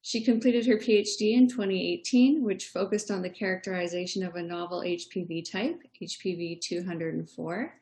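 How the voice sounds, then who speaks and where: A woman moderating a webinar, reading formal introductions of the speakers in a steady way. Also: fairly low pitch. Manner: reads introductions steadily, few fillers.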